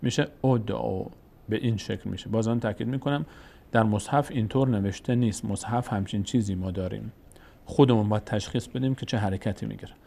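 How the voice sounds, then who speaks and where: A man teaching Quran reading step by step, patiently repeating each rule and slowly sounding out example words. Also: fairly low pitch, creaky, mellow. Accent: Persian-speaking, Tajikistan channel. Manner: patient, repeats rules, addresses viewers as dear ones. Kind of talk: step-by-step recitation lesson.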